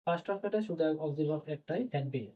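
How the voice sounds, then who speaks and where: Dull, band-limited lo-fi audio captures a man rattling off a grammar lesson in a rapid-fire, higher-pitched voice. He explains by repeating points and answering his own questions.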